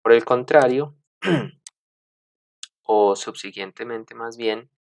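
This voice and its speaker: A man teaching an English grammar lesson, speaking deliberately with frequent fillers, self-corrections and checks with the class. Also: mid-range voice, a little mellow, no echo. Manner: deliberate, repeats points and checks with "¿cierto?".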